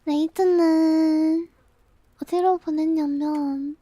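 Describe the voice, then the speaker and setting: A woman's voice: high-pitched, steady tone, slow pace, mellow, no room sound. A young woman streamer chatting casually to her viewers in a cute, sweet anime-streamer manner. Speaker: live streamer signing off.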